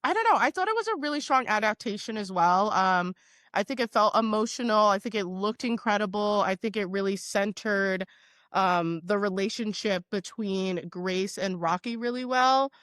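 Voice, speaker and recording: A woman hosting a casual podcast chat, a bit hoarse, talking in a chatty, upbeat way with lots of fillers. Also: mid-range voice, moderate pace, fairly bright tone, no room sound, studio quality. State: hoarse, under the weather. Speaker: podcast host.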